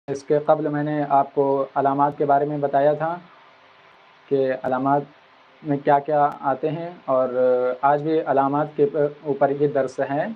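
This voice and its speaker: A male Quran teacher walks his students through a lesson, patient and repetitive, slowing right down to stretch out each sound. His voice sits a little high. The recording is dull and lo-fi. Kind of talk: explanatory lesson.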